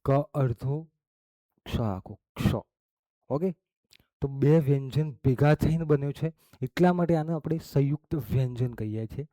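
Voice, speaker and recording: A man's voice: mid-range voice, mellow, dry recording. A man teaching a class, explaining step by step and checking in with "okay?" after each point. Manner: slow, explains step by step with frequent "okay?" and "barabar?". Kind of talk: classroom lesson.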